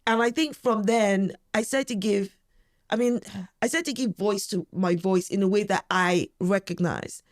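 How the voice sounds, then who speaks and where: A forthright woman in her forties speaks as an interview guest with a firm, emphatic delivery. Her voice sits at an ordinary middle pitch. She talks candidly and openly in a relaxed conversation. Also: moderate pace. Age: 40s.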